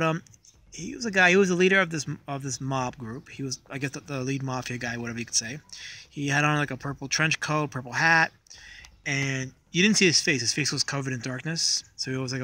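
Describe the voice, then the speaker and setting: A man's voice: medium pitch, pushed and bright. A middle-aged man giving casual, unscripted drawing commentary outdoors, hesitant and thinking aloud as he works. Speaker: comic artist, video host.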